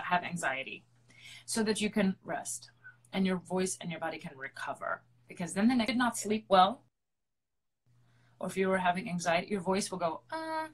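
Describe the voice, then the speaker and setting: A woman's voice: mid-range voice, poor audio. A woman opera singer, a guest in a live online interview, explaining things earnestly and repeating her points for emphasis.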